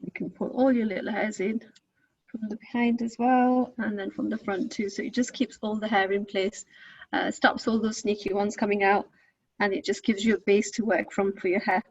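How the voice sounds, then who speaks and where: A woman's voice: medium pitch, level tone, normal speed, slightly rough, dry recording. A woman with a Northern English accent leading a live online hijab styling class, chatty and reassuring with many ums. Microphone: video call. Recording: dull lo-fi video call audio.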